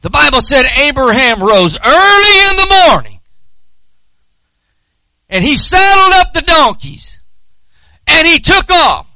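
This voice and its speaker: Casting: male preacher, forties, Southern US accent, very high forceful voice, folksy storytelling sermon delivery. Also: no echo, rough recording. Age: 40s.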